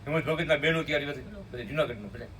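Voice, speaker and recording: Male preacher, narrates and chants slowly, voice set back from the mic. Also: medium pitch, a bit bright. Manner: tells a story, breaks into slow chanted hymn lines, asks listeners "hum?". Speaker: spiritual speaker at a satsang. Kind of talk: devotional storytelling sermon with sung hymns. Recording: distant mic with faint room noise.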